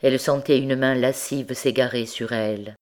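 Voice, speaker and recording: A woman reading a classic novel aloud as an audiobook narrator, in a measured, unhurried style. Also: a bass voice, steady tone, darkish tone. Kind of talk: scripted narration.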